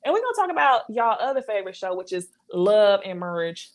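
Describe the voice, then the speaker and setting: Blunt, animated woman ranting about reality TV. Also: mid-range voice, a little fast. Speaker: reality TV recap host. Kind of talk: casual live-stream commentary.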